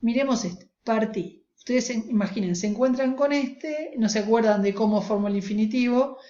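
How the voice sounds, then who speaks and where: A female language teacher delivers a recorded grammar lecture, explaining step by step and often checking in with her students. Her voice is a little high and mellow at a moderate pace, and the recording is roomy, dull and lo-fi.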